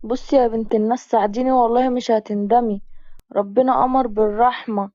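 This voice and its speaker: A woman's voice: a little high, fairly even intonation, fast talker, mellow, no room sound, dull audio, natural voice. A woman with an Egyptian accent voicing a wounded man on the run who pleads urgently for help. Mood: urgent pleading. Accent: Egyptian Arabic.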